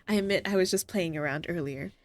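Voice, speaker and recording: A woman's voice: lowish voice, moderate pace, no echo. A woman streaming a video game, reading its dialogue aloud and reacting expressively as she goes. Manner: expressive, exclaims and laughs at the story.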